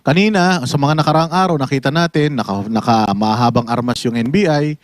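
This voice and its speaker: A man hosts an online interview and questions his guest in a halting way, padding his questions with fillers. His voice is mid-pitched and sounds dry and close to the mic. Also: no echo. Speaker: host.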